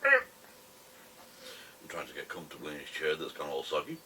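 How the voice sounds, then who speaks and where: A British man with a smoker's rasp, rambling casually to camera in a wry, self-deprecating way. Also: extremely low pitch, huge pitch swings, a little slow, sharp tone. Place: a room at home, alone. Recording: distant camera mic with faint noise.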